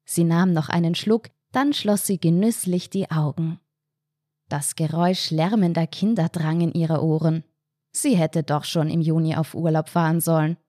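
A woman, reading a humorous short story aloud in a calm, wry narration. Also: deep voice, normal speed, no room sound, studio quality.

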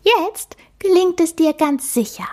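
A woman voicing a cheerful little female magic mouse in a children's storybook reading, bouncy and encouraging, with a breathy voice. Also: extremely high pitch, lively intonation, a little slow, darkish tone, pitched above the performer's own voice.

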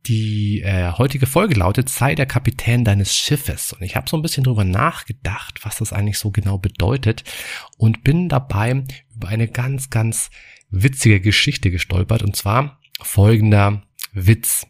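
A man hosting a self-help podcast, telling a story and explaining psychology in a relaxed, chatty way. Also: lowish voice, normal speed, vocal fry. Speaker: podcast host, psychology coach.

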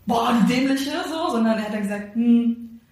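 A woman's voice: on the high side, fast talker. A woman co-hosting a podcast, telling a story casually and acting out the quoted lines of other people. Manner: lively storyteller who acts out quoted dialogue. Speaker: podcast co-host. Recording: very echoey room.

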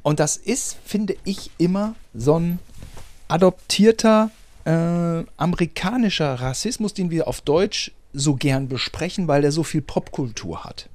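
A man hosting a podcast, talking in a casual, animated, self-mocking way with the odd swear. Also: fairly high pitch, unhurried, no echo. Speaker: podcast host.

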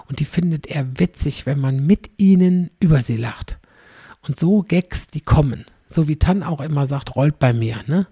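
A woman's voice: deep voice, warm tone, husky, dry recording, clean studio sound. A middle-aged woman comedian chatting in a rambling, storytelling way, always checking in with the listener. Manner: chatty, rambling, tag questions "ne?". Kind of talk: casual storytelling monologue.

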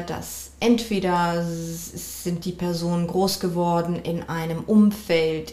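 A woman coach and couples therapist hosting her own podcast, speaking in a measured, reflective way and often affirming herself with a soft "ja". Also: lowish voice, roomy sound. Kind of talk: calm solo podcast talk.

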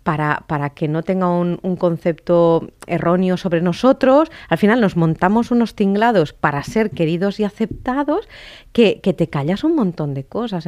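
A middle-aged woman with a lowish, darkish voice talks casually and reflectively about emotions, musing as she goes at a moderate pace. She's expressive, with many fillers and restarts.

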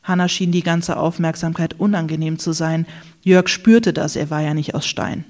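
A dry, ironic reader giving scripted narration of a satirical novel. The delivery is even and measured in the narrative stretches. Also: medium pitch. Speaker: audiobook reader.

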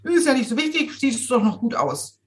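A middle-aged woman from Swabia with a Swabian German accent, chatting casually, lively and self-mocking, laughing often. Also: fairly high pitch, a little fast. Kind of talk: casual chat.

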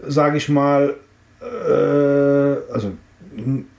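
A middle-aged hip-hop artist from the Frankfurt area in Germany draws out his words in a medium-pitched, slightly mellow voice. As the interviewee in a casual talk, he reminisces and rambles, with many fillers and restarts. A roomy echo fills the recording.

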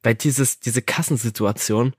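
A young man co-hosting a podcast in casual chat, animated and chatty, swearing often and checking that he is understood. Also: medium pitch, a little slow, slightly rough, dry recording, clean studio sound. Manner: animated and chatty, swears, keeps asking "you know what I mean". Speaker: podcast co-host.

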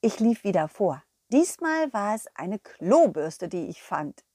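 A woman's voice: mid-range voice, big pitch swings, unhurried, warm tone, slightly rough, no room sound, clean studio sound. A woman narrating a children's story in a playful manner, speaking directly to young listeners.

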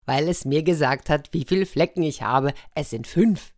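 Brief: woman doing an excitable storybook leopard, low voice, exclamatory. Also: normal speed, no room sound, clean studio sound. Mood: eager. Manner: exclaiming, fretful then overjoyed. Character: vain fretful male leopard obsessed with his spots.

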